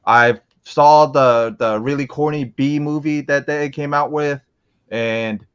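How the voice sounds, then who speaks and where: A man's voice: fairly high pitch, steady tone, slow pace, a bit bright, clean tone, dull audio. A young adult man from Florida, a guest in a casual interview, talking in a rambling way full of restarts and fillers. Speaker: interviewed guest, comic collector.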